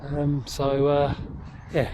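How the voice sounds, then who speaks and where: A man vlogging outdoors by a lake, a little out of breath, talking in a halting way with many ums and uhs. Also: a little high, completely flat delivery, noisy background. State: slightly out of breath. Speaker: angler vlogger. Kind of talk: casual outdoor vlog commentary.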